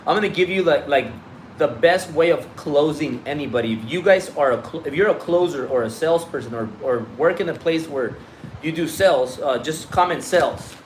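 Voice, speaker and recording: Speaking fairly quickly in a slightly high voice, a Mexican business coach streams live from his phone, with poor audio and slight background noise. Spanish is his first language, and his accent shows it. His talk is blunt and casual, full of swearing and repetition.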